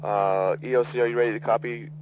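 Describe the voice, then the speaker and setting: A man acting as net control on a two-way radio with static, speaking procedure in a halting, hesitant way. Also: mid-range voice, fairly even intonation. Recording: muffled radio with static and hum.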